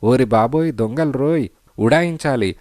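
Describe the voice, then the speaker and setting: A man's voice: fairly low pitch, normal speed, darkish tone, no room sound, clean studio sound, lightly acted. A man voicing a timid old cart driver. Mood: frightened. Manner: pleading and fearful. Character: frightened old male cart driver, humble. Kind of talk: storybook character voice.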